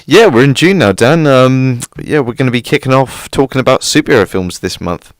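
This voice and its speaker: A man co-hosting a film review podcast in a studio, measured and partly reading from notes, with frequent ums. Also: medium pitch, expressive, dry recording, poor audio.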